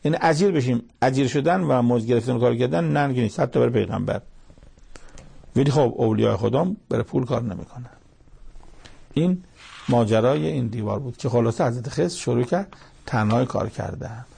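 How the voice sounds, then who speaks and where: A man's voice: mid-range voice, creaky, dark tone, husky. A man preaching Quran commentary, building emphasis with rhetorical questions. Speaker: cleric teaching Quran commentary. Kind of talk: sermon.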